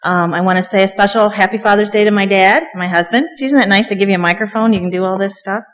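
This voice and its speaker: A woman's voice: medium pitch, fast talker. Chatty woman preaching in a reverberant church. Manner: chatty, joking asides, frequent ums. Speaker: guest preacher. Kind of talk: conversational sermon. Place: church sanctuary. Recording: long reverb of a church hall.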